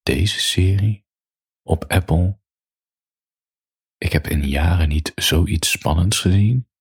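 A man musing aloud in an unhurried monologue as a podcaster, then reading his own story aloud. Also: sits low, breathy edge, no room sound, clean studio sound.

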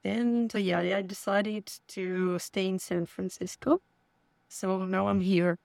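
A woman from Ukraine who learned the language later answers interview questions about her work. She speaks slowly and haltingly, with many fillers and restarts. Her voice is close and dry. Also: medium pitch, fairly even intonation, gravelly, darkish tone, dry recording. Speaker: guest, company founder.

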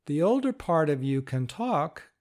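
Guy teaching slowly and patiently, kinda higher voice. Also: very animated, darkish tone. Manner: slow, patient and explanatory. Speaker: teacher of inner-parts work. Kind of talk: instructional talk.

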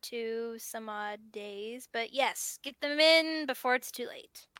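A woman co-hosts a fiction podcast, reading a story aloud and then chatting about it earnestly and thoughtfully. Her voice is fairly high, slow and sharp in tone, recorded with studio quality and no room sound.

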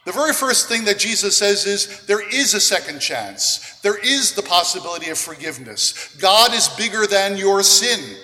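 A man serving as priest, reading the gospel and then preaching a homily in a measured, deliberate way with pauses. His voice rings with a long cathedral-like church echo. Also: high voice, bright, forceful tone. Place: large church. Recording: long reverb of a large church.

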